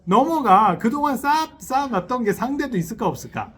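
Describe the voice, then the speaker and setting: A Buddhist monk in a temple hall gives a sermon, filmed selfie-style, brimming with questions to the audience and frequent check-ins, chuckling as he enacts little inner voices. He speaks briskly in a very high, slightly rough voice.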